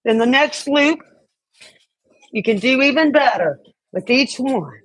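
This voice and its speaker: A woman's voice: high voice, animated, measured pace, fairly bright tone, no echo, low-quality recording. A woman instructing an indoor cycling class, giving encouraging coaching and counted cues.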